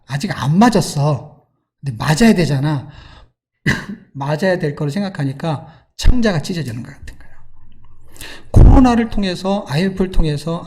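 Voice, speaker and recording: Middle-aged male pastor, warm, slightly high voice, lively sermon with rhetorical questions. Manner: lively storytelling with rhetorical questions and acted quotes.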